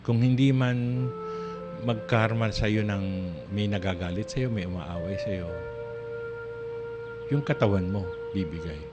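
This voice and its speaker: A man hosting a radio talk show in a casual, rambling on-air monologue, full of restarts and soft laughs. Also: fairly low pitch, unhurried, pauses often. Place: radio studio. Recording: radio broadcast with music playing underneath.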